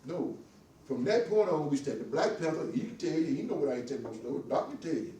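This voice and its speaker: A man's voice: a little high, fast. Fiery older man, echoey and distant. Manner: fiery, preaching, gets excited. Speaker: church class participant and veteran. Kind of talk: impassioned discussion. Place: church meeting room. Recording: echoey room from afar, faint hiss.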